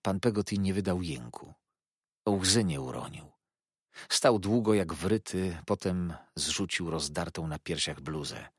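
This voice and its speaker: A man narrating a classic novel as an audiobook in a measured, literary way. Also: low voice, expressive, slightly rough, no echo, clean studio sound.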